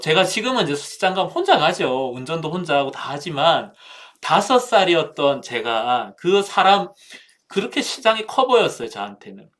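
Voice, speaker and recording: A speaker with a mid-range voice shares a childhood story in a Bible talk at a seminar, addressing listeners directly and using vivid sound words.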